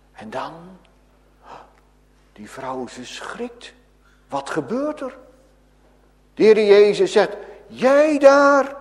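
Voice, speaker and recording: A man's voice: high-pitched, creaky, darkish tone. A man preaching in a church, telling a Bible story to a congregation with vivid, emphatic exclamations. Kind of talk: children's sermon storytelling. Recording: echoey church hall.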